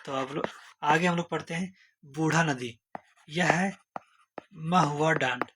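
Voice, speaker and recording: A man's voice: a little high, moderate pace. A man teaching an exam-prep lesson, asking rhetorical questions and using playful memory tricks. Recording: noisy recording. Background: steady background noise.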